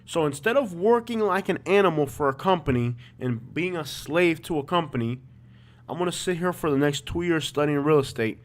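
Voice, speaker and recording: A man's voice: on the high side, animated, normal speed. A man with a Miami accent hosting a livestream, chatting informally and thinking aloud as he comments. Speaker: livestream host. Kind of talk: casual chat, live commentary on property listings.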